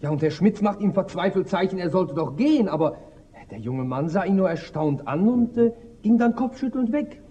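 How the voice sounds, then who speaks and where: A timid, hungover young teacher. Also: male voice, sits high, animated, normal speed, dark tone, dull audio. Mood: hesitant telling. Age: young adult. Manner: hesitant, full of "äh"s, mild. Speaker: junior teacher. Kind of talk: stage comedy acting. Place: theater stage.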